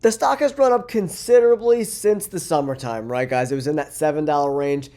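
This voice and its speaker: A man's voice: a little high, brisk, dark tone. Nasal-voiced man getting over a cold. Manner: upbeat, addresses viewers as guys. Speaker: finance channel host. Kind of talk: casual direct-to-camera stock talk.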